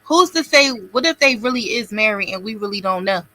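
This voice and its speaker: A woman's voice: medium pitch, animated, a little fast, sharp tone, slight background noise. A woman on a live chat show, chatty and inquisitive, asking the caller questions. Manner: chatty, inquisitive, laughs easily. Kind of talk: casual chat.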